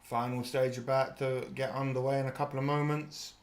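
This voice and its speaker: A man's voice: mid-range voice, level tone, a little fast. Brief: a casual British streamer in his thirties with a mid-range voice, loose and jokey, swears freely. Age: 30s. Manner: chatty and jokey, laughs often, swears casually. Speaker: streamer hosting a watch party. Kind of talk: live reaction chat.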